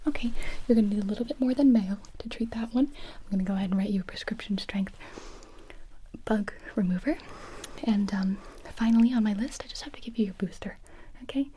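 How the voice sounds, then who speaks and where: A young woman plays a sequence of doctors in a comedic ASMR roleplay, whispering close to the mic and breaking into full voice from time to time. Her mid-range voice moves a little fast, broken by long pauses. A little hiss or hum can be heard.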